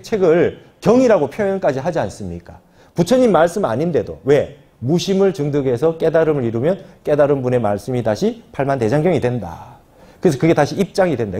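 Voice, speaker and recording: Monk guy teaching scripture, mellow voice, bouncy intonation, keeps checking the class agrees. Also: a little high, sing-song, quick pace. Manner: explanatory, repeats key phrases and asks the class for agreement. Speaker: Buddhist monk lecturer.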